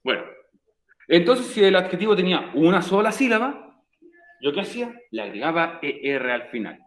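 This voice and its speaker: A man's voice: sits high, big pitch swings, moderate pace. A man teaching an English class, patiently repeating the rules step by step. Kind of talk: recorded virtual class explanation.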